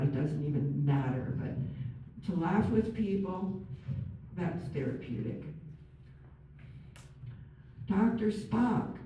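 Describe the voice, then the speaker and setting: A woman working as a nurse and counsellor, giving a chatty, gentle talk to a group and acting out example phrases. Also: lowish voice, lo-fi sound, slight background noise. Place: large room with an audience. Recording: very echoey room, far from mic.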